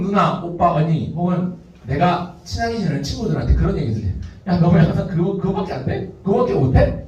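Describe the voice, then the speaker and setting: Lively pastor preaching in echoey hall. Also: male voice, high-pitched, recorded from a distance. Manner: lively, acts out nagging and taunting voices. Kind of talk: youth sermon. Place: church hall. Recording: echoey hall, muffled from afar.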